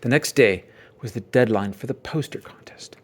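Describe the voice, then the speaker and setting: Reading a children's book aloud in a medium-pitched voice, a man turns it into a dramatic tale full of suspenseful pauses and theatrical emphasis.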